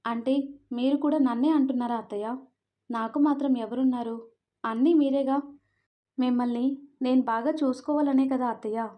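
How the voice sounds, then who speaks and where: A young wife speaks in a soft, emotional, pleading way, voiced by a woman narrator. Her voice sits a little high, with a warm, mellow tone. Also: a little fast, natural voice. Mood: tearful.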